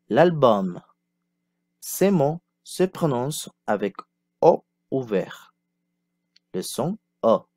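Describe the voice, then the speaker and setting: A man teaching pronunciation who models each sound and word slowly and clearly so learners can repeat after him. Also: medium pitch, darkish tone, no room sound, clean studio sound. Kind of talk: slow, carefully enunciated pronunciation lesson.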